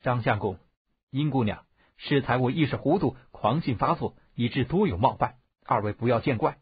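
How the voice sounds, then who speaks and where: A man voicing a blinded older male martial master who speaks with cold, measured courtesy in a husky voice. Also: medium pitch, dry recording, highs cut off. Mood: coldly polite.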